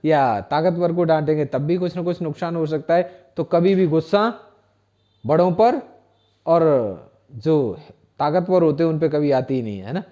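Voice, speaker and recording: An Indian-accented man gives a classroom-style English lesson, with a fairly high but mellow voice. He spells out each word letter by letter and repeats every phrase patiently. The sound is dull and lo-fi. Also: normal speed. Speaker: spoken English teacher. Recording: dull lo-fi recording.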